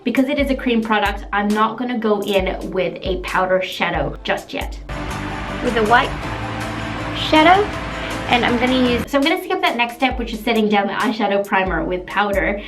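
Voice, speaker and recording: A woman's voice: medium pitch, lively intonation, normal speed. Chatty Australian-born woman, music behind. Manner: chatty, self-deprecating, laughing often. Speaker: beauty vlogger. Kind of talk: casual makeup tutorial and reaction. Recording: background music under the voice.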